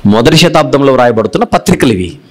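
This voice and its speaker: Preaching a sermon in a Telugu accent, a man speaks fast and animatedly, repeating phrases for emphasis. He swings between loud declarations and low, hushed rebukes.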